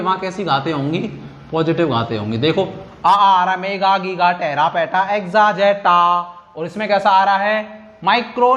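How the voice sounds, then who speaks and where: Male chemistry teacher, high voice, quizzing lecture style; roomy, muffled recording. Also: a bit bright. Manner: repetitive, quizzing students with questions. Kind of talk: classroom lecture.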